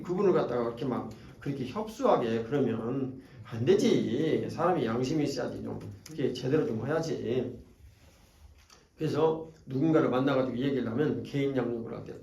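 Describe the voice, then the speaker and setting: A man's voice: medium pitch, vocal fry, warm tone, recorded from a distance. A man with a Jeolla accent, preaching a sermon at a revival meeting in a folksy, joking way that teases the congregation. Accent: Jeolla Korean. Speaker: pastor. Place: church sanctuary. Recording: echoey church hall from off-mic.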